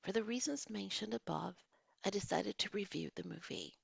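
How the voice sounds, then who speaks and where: Her voice is mid-range, gravelly and husky, moving at a moderate pace with no echo around it. Speaking from home, this forties-aged vlogger and teacher reads the formal sentences of a written film review before wandering off into relaxed, rambling remarks.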